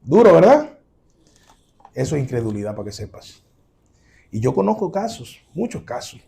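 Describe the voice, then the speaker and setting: Male pastor, high gravelly voice, emphatic sermon delivery, direct rhetorical questions to the flock. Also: very animated, moderate pace, slight background noise. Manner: emphatic preaching, swinging between loud exclamations and low asides; addresses listeners directly as brothers, asking rhetorical questions.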